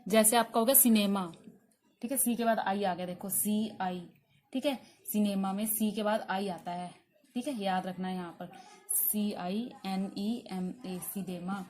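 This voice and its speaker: A woman's voice: mid-range voice, steady tone, a little slow, darkish tone, slight background noise. A woman teaching a pronunciation class. She explains patiently, spells each word out letter by letter, and keeps checking in with her students. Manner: explains patiently, spells words out letter by letter, repeats "ठीक है" often. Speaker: English teacher. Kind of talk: online pronunciation lesson.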